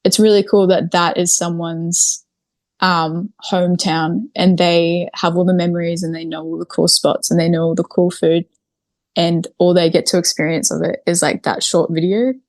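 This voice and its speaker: A New Zealand woman talks casually as a guest on a podcast interview, where she's there as a video creator, and she sprinkles "like" and "literally" throughout. Her voice sits on the low side with a flat delivery, a moderate pace and a darkish tone. The recording has no echo.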